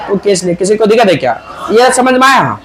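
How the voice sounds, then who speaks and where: A man with a Hindi accent teaching physics to a class, firing questions and loudly prompting his students to answer in chorus. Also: sits high, big pitch swings, fast. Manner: quizzing students, prompting answers, loud emphatic calls. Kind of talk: classroom lecture with call-and-response. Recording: noisy classroom with crowd.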